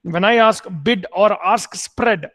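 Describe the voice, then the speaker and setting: Brief: high-pitched male lecturer, repeats and quizzes students. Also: takes it slowly, fairly bright tone. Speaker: MBA lecturer. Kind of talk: online class lecture.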